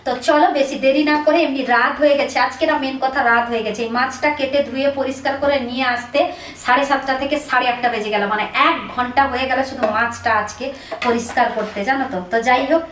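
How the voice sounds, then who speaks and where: A woman's voice: sits high, steady tone, fast, fairly bright tone. A woman vlogging casually at home in the kitchen, chatting to viewers and often asking "you know?". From Bengal. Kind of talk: casual home vlog chat. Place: small home kitchen indoors. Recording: echoey room, faint noise.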